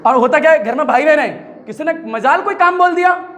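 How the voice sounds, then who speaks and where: A man teaching physics in an energetic classroom lecture, coaxing students, joking and at times shouting questions. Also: extremely high pitch, brisk. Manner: animated, coaxing, often shouts and jokes with students.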